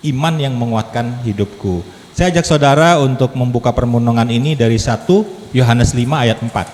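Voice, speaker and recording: A man's voice: mid-range voice, normal speed, a little mellow. Joking preacher man in an echoey hall. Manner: joking, chatty, engages audience. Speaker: lay preacher. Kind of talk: sermon with humor. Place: church hall. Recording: echoey hall, faint background noise.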